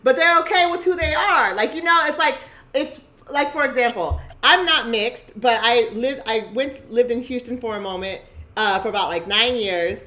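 A woman in casual conversation, talking in an animated and emphatic way. Her voice sits fairly high, and her tone is bright. She often breaks off and restarts her sentences. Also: moderate pace. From Costa Rica.

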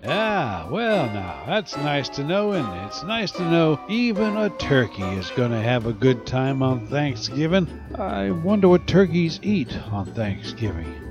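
A man's voice: on the high side, very animated, measured pace. Folksy male radio host over music. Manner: folksy, rambling, chuckling. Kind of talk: casual chatty radio presentation. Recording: dull sound with music behind.

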